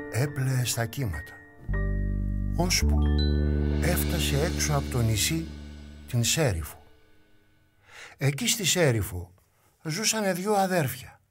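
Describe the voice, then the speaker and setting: Male storyteller, husky, lively and dramatic, for children's myths. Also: mid-range voice. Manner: lively, dramatic, shifts between whisper and raised voice.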